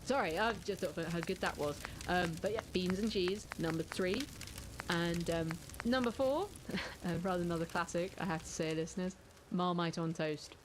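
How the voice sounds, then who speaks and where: A woman hosting a comic role-play podcast in a dry, deadpan, self-mocking way, with hesitant fillers. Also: lowish voice, moderate pace, background noise. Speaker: podcast host.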